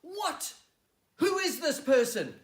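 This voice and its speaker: A man preacher voicing an outraged ancient king who shouts his commands. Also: very high-pitched, sing-song, slow, voice pushed up, exaggerated voice. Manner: shouting, indignant. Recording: roomy hall, mic at a distance.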